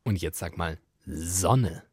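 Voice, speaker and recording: Husky man telling lively anecdotes. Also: mid-range voice, brisk, no room sound, clean studio sound. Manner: animated storytelling, many fillers. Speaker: podcast co-host. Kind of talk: casual chat.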